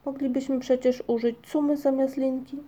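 A woman's voice: sits high, little pitch movement, normal speed, warm tone, pitched above the performer's own voice. A woman voicing an eager, clever young female creature full of practical ideas.

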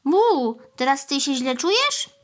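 A plaintive mother cow from a children's storybook, lowing and pleading as she talks about her injuries, as a woman reads her. Her voice sits very high and thin, well above an ordinary speaking voice. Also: sing-song, measured pace. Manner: lowing "moo" interjections, plaintive.

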